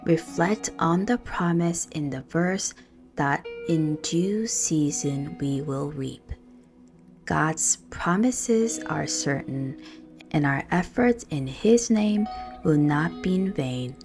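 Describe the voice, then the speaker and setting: Guided by a low-voiced woman, this prayerful meditation unfolds very slowly, her soothing phrases separated by measured pauses. Quiet guitar music sits behind her.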